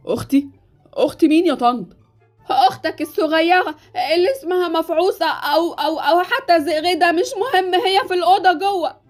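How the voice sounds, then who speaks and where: A woman's voice: sits high, sing-song, brisk, pauses often, soft background music. A woman voicing a scolding, easily scared stepmother in a Roblox series, with an Egyptian accent. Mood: panicked. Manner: scolding, shrieking.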